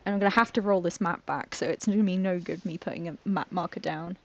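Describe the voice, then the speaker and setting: A woman's voice: lowish voice, steady tone, fast, no room sound, muffled recording. A British woman streaming a game, chatting casually, giggling and poking fun at herself as she trips over words. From Britain. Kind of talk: casual live-stream chat while playing.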